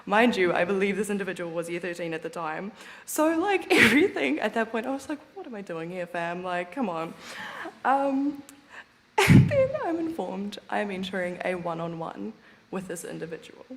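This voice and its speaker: A teenage girl from New Zealand gives a chatty personal speech at a debating ceremony, self-deprecating and quick to laugh. Her voice sits at an ordinary middle pitch. It rings with the long reverb of a large chamber. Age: teens. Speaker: student speaker.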